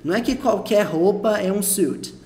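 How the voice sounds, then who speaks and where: A man's voice: sits high, normal speed, mellow. A Brazilian man teaching a lesson, explaining patiently, repeating his points and checking the listener follows. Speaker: English teacher.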